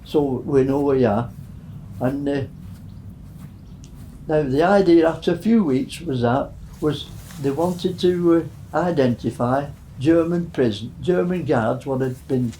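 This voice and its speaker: A man in his nineties, a war veteran recounting wartime memories in a halting way, with many fillers. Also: fairly high pitch, gravelly, dark tone, slight background noise, low-quality recording. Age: 90s.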